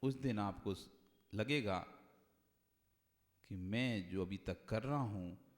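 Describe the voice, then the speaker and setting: A male monk giving a devotional sermon on meditation, dropping to hushed asides and then rising to loud, repeated exhortations. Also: takes it slowly. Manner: swings between hushed low asides and loud high exhortation, repeats phrases. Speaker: Jain monk preacher. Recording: reverberant hall sound.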